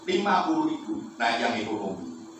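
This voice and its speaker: A male preacher tells a story in an animated way during his sermon and keeps turning to the congregation with questions. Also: medium pitch, normal speed, distant mic, slight background noise. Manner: animated, addresses the congregation often. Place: large echoey church hall. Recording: echoey hall, off-mic.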